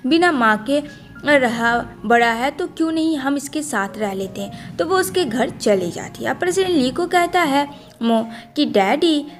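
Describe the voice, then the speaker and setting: A woman narrating a movie story recap in a brisk storytelling manner. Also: sits high, expressive. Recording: faint background music.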